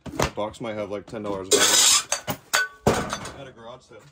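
A man's voice: lowish voice, fairly even intonation, normal speed, heavy background noise. A man giving casual commentary to himself as he digs through boxes in a cluttered storage locker. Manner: mutters to himself while digging through boxes. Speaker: reseller vlogger.

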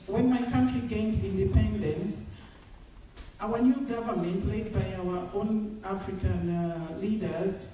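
A woman from Zambia gives a measured, hesitant talk as a panel speaker at a women's forum, recorded from the audience in a large hotel function room. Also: medium pitch, dark tone, slight background noise. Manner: measured, hesitant with many fillers. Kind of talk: public speech at an event. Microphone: far phone camera in the audience. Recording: echoey hall heard from far off.

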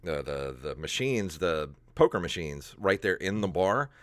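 A man's voice: deep voice, unhurried, dry recording, clean studio sound. A man in his thirties hosting a podcast over a video call, telling casual stories with lots of laughter. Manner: animated storyteller, laughs often. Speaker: podcast host. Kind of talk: casual chat. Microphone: headset on video call.

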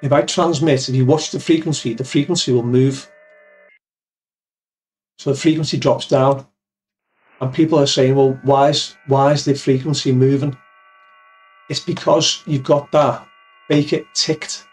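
A man in his fifties presents an amateur radio software tutorial with a demo, speaking unhurriedly at medium pitch in a darkish, fairly even voice broken by long pauses. He explains things plainly, step by step, to "guys," close on a boom-arm mic with pop filter in a small, cluttered home office; soft music plays and the recording quality is rough.

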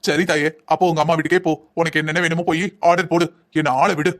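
A man voicing a patient, thrifty husband in a cartoon family drama, who calmly lectures his wife at length. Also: fairly high pitch, fast talker, natural voice. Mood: lecturing. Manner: calm lecturing, explaining at length. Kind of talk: Tamil cartoon voice acting.

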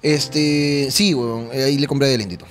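A man's voice: mid-range voice, fairly even intonation, moderate pace, music in the background. A Peruvian man co-hosting a comedy podcast, telling a story in rowdy slang and laughing often. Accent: Peruvian Spanish. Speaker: podcast co-host. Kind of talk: comic storytelling.

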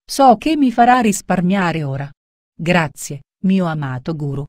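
A woman voicing a humble, devout male merchant who speaks gently and earnestly in a storybook tale. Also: lowish voice, very animated, measured pace, no room sound, studio quality.

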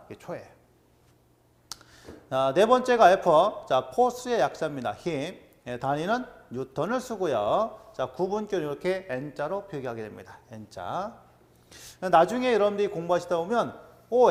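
A middle-aged man teaching an exam-prep lecture, drilling terms and quizzing his students with quick questions. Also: high voice. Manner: animated, drills terms with "자" and quiz-style questions. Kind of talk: classroom lecture.

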